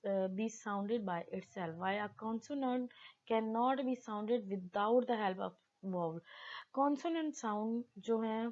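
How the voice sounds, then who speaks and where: A female English teacher gives a slow, deliberate lesson, mixing Hindi-Urdu explanation with English definitions that she reads aloud slowly. Her voice is a little high with a dark tone, and the recording is slightly muffled.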